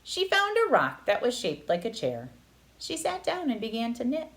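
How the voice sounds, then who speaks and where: A woman narrating a children's picture book aloud with expressive, dramatic phrasing. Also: a little high, moderate pace. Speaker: read-aloud storyteller.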